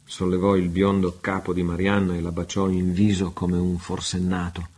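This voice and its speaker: A man reads a classic novel aloud in a measured, unhurried way. His voice sits very low and has a husky texture. The reading stays flat, with little rise and fall. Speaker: reader. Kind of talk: audiobook narration.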